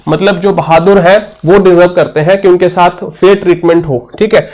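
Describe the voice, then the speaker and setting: Young guy explaining english grammar for exam prep, kinda high voice, reads the questions out slow. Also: steady tone, a little mellow. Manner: explains patiently, asks and answers his own questions; mixes Hindi with English terms, reads questions slowly. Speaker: English teacher. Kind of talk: exam-prep lesson, solving questions aloud.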